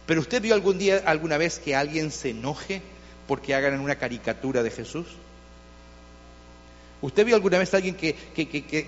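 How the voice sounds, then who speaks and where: A man's voice: fairly high pitch, slight background noise. A male pastor preaching a sermon with passion, asking his listeners rhetorical questions. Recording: dull lo-fi sound with long hall reverb.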